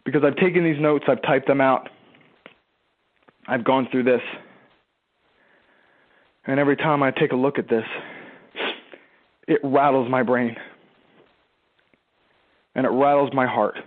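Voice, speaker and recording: A man's voice: mid-range voice, steady tone, a little slow, long pauses. A man giving an emphatic, conversational motivational talk as a business coach, firing rhetorical questions at his listeners and mimicking their objections. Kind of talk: motivational live talk to followers. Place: a room at home, seated in a chair. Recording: tinny phone-like line.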